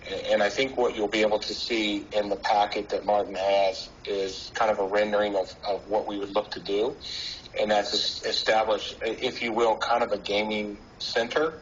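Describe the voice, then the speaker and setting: A man's voice: fairly low pitch, level tone, normal speed. A man speaking over a phone on speakerphone to a board meeting, as a business representative, hesitant with many fillers and restarts. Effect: heard over a phone on speaker. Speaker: business representative applying for a license. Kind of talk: formal remarks at a town board meeting. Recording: muffled phone speaker in a meeting room, faint noise.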